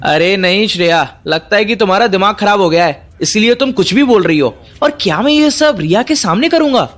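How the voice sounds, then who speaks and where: A man's voice: high-pitched, expressive, brisk, fairly bright tone. A man playing a flustered young boyfriend. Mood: defensive. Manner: defensive, apologetic. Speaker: actor. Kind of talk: Hindi audio drama acting.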